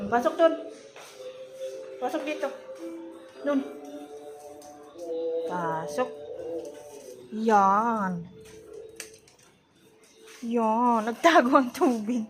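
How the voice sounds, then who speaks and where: A woman's voice: fairly high pitch, expressive, drawn-out words, pauses often, music in the background. A woman vlogger talking to her pets in a coaxing, sing-song baby-talk voice.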